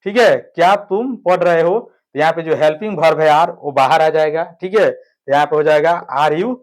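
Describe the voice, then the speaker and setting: Guy teaching an online grammar class, slightly high voice, keeps asking ok?. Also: moderate pace. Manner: explains step by step, keeps checking with "ठीक है".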